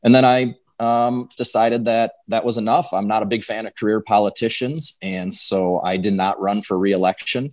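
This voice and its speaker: A man from Western Wisconsin, a candidate for office, calmly answering interview questions. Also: lowish voice, moderate pace, hardly any pauses, dry recording. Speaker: political candidate guest.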